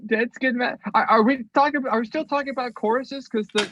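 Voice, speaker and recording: A man's voice: very high voice, steady tone, quick pace, heavy background noise. A man co-hosting a podcast, dry and laid-back, keeping the show on track in casual chat. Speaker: podcast co-host. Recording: dry, slightly dull lo-fi audio.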